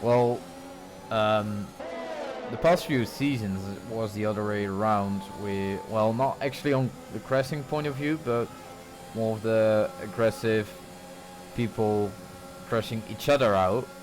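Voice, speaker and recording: A man's voice: lowish voice, a little slow, music in the background. A man giving conversational live motorsport commentary on a sim race, often hesitating as he thinks aloud.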